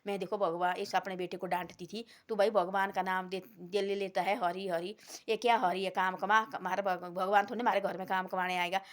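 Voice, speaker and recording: A woman's voice: mid-range voice, level tone, fairly quick, lightly acted. A woman voicing a worried, scolding village mother in a devotional story. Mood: tearful. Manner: scolding then pleading.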